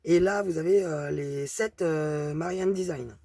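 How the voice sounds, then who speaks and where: A woman's low, warm voice moves a little slowly as she shows off a craft haul in casual product show-and-tell. She has a thick regional accent and talks hesitantly, with plenty of fillers.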